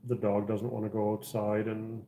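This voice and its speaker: A man's voice: on the low side, monotone, moderate pace, warm tone, roomy sound, slight background noise. A middle-aged man from the Czech Republic hosting a casual livestream chat, rambling with lots of fillers and restarts. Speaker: livestream host. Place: house interior.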